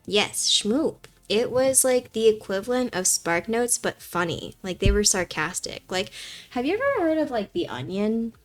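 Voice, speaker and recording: A young woman streaming a game, chatting in a rambling, animated way and pleading with herself when the game gets tense. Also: mid-range voice, normal speed, soft background music. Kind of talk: casual gameplay chat.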